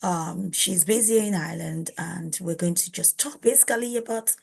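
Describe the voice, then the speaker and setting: A woman's voice: lowish voice, normal speed, creaky, slightly rough. Chatty Nigerian woman hosting a live stream. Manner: chatty and informal, with frequent restarts. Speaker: host.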